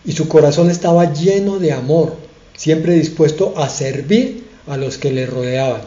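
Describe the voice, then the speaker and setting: A man preaching a sermon as a pastor, earnest and emphatic, slowing down and pausing to stress his points. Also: a little high, warm tone. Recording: echoey room, dull sound.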